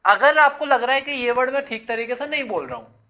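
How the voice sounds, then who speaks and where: Bright, chatty male exam teacher. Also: very high-pitched, expressive, a little fast. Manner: chatty, mixes English words into Hindi, calls viewers "son". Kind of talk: casual online lesson. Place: in Hyderabad.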